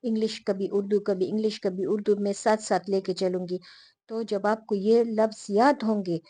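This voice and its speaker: A woman teacher explaining a lesson to her viewers, repeating the key terms slowly and pausing often with fillers. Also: mid-range voice, flat delivery, warm tone, breathy edge, no echo. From Pakistan.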